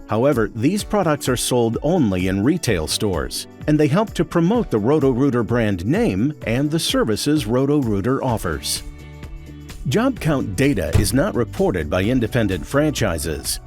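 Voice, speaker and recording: A man's voice: medium pitch, darkish tone. American guy doing scripted company training narration, really varied intonation, music under it. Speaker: corporate narrator.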